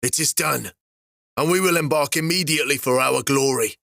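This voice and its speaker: A booming dwarf king, proud and cruel, drawing his words out in slow, grand commands, as a male audiobook narrator puts him on. The voice is dry and close, with no room around it. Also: vocal fry, fairly bright tone, no room sound. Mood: gloating.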